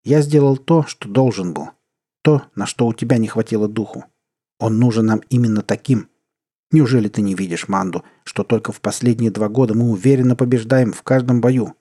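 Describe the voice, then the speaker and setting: A man voicing a calm, calculating male starship captain who speaks curtly in a read-aloud story. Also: fairly low pitch, fairly quick, natural voice. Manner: calm, curt, matter-of-fact.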